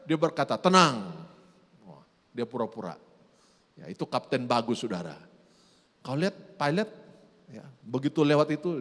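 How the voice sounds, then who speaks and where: Man, pastor, sermon, hushed to shouting, lively pitch, long church echo. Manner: swings from hushed to shouting, drawn-out emphasis. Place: church hall. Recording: echoey church hall.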